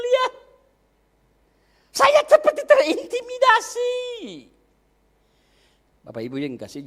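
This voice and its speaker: A man from Aceh, a pastor, preaching in a high and very animated voice. He tells his story to the congregation with raw emotion, drops to a hush, then climbs to a shout. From Aceh, Indonesia. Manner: addresses congregation directly. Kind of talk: sermon.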